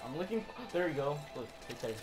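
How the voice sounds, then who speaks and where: During co-op gameplay, a young gamer jokes around goofily and giggles, his voice on the high side, expressive, and fairly quick, with game music playing behind him.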